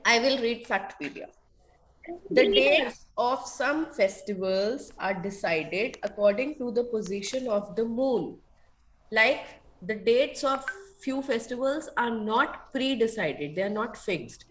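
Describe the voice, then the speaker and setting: A woman's voice: on the high side, expressive, slow, fairly bright tone, rough recording. A woman with an Indian accent teaching an online children's class, asking checking questions and repeating key points. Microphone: online video call.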